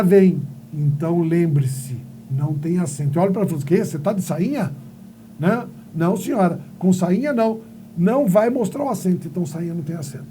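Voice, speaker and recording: A man's voice: on the high side, mellow, slight background noise. A male teacher giving a playful grammar lesson, asking and answering his own questions and telling silly stories.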